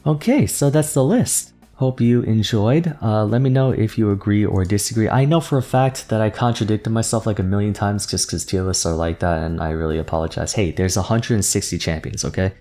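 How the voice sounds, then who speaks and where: A man hosting a gaming video in casual unscripted commentary, thinking aloud and changing his mind, his voice going hoarse. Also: lowish voice, fairly quick, few pauses, dark tone, soft background music. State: losing his voice.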